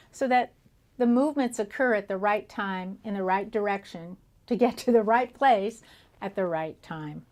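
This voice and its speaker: A woman gives an educational presentation in a medium-pitched voice. She explains terms step by step, as a lecturer would. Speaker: lecturer on childhood speech disorders.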